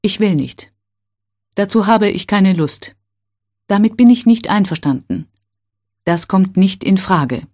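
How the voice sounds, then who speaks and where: Female teacher, mellow voice, unhurried drill reading with careful gaps between phrases. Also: mid-range voice, lively intonation. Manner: slow, careful, clearly spaced phrases. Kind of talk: reading set phrases for learners.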